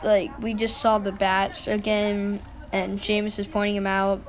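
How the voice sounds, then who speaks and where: Female-sounding voice, casual vlog narration, informal, rambling, mild swearing, medium pitch. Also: completely flat delivery, measured pace. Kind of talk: casual voice-over commentary on exploration footage.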